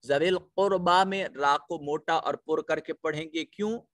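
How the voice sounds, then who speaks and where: A man's voice: a little high, a bit bright, no room sound, clean studio sound. Pakistani man teaching Quran recitation. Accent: Pakistani Urdu. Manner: slow, drawn-out chanted recitation; methodical explaining of pronunciation rules. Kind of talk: Quran recitation and tajweed lesson.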